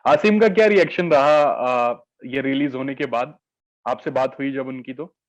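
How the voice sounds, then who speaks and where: A man's voice: mid-range voice, normal speed, muffled recording. A man hosting an entertainment interview, asking formal, flowery questions with many "uh" fillers.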